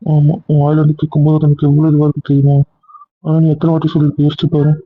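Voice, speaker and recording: A pleading, insecure young boyfriend, played by an actor, with a husky, fairly high voice. He coaxes and begs. The sound is thin and phone-like, and dry. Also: completely flat delivery, racing, no echo, close to an everyday voice. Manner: coaxing, pleading. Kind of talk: web drama acting.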